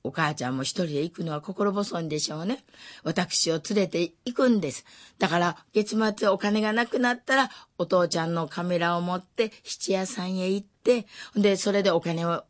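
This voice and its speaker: A woman in her sixties with a Kansai accent, gently telling a personal memory with wry asides. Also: on the low side, moderate pace. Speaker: storyteller. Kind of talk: spoken personal memoir.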